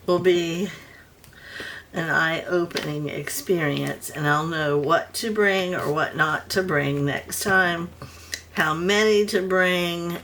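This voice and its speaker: A woman talks at an unhurried pace while she works in her home craft room. Her delivery is rambling and chatty, full of restarts. A faint hiss of background noise sits under the recording. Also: fairly low pitch, sharp tone, poor audio. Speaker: crafting vlogger. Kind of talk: casual crafting chat while working.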